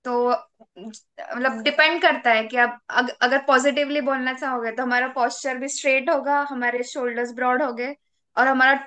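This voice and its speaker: A woman with a high voice answers a question in an online class over a video call. She explains step by step and pauses on hesitant fillers as she goes. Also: steady tone, sharp tone. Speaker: class participant.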